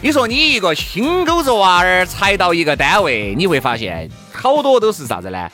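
Animated Sichuanese host, bright tone. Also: mid-range voice, normal speed, soft background music. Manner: animated storytelling, mock complaining. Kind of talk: casual comic chat.

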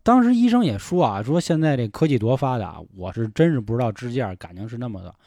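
Male podcast host, frank reflective chat, mid pitch, dry studio mic. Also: sing-song, fast talker, warm tone, no room sound. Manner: frank, swears a lot, reflective. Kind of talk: casual chat.

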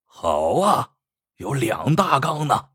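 A man voicing a brutal, foul-mouthed mountain bandit in a spoken story, gruff and cursing. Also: mid-range voice, sing-song, slow, a bit bright, no room sound, clean studio sound, full character voice. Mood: snarling.

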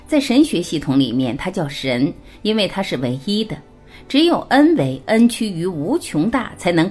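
A woman's voice: fairly low pitch, darkish tone, slightly rough. A woman reading a written interview aloud, voicing both sides and announcing each speaker's label.

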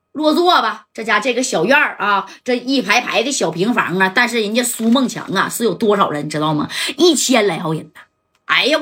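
Bright husky woman storyteller. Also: mid-range voice. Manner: lively, chatty, asks listeners questions. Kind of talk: casual oral storytelling.

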